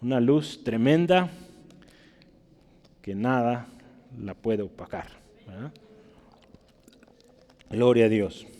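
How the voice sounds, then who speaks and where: A man's voice: expressive, slow pace, pauses often, dark tone. A man with a Mexican Spanish accent preaching a sermon, who reads scripture aloud in a raised voice and keeps asking his listeners to agree. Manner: reads scripture aloud, often asks "¿verdad?"; rises sharply in pitch and volume when reading verses. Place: church hall. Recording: long hall reverb.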